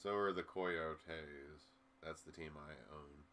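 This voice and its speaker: A man's voice: extremely low pitch, slow pace, bright, forceful tone, a little hiss or hum. A man co-hosting a casual sports chat, laid-back and rambling, swearing now and then. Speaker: podcast co-host.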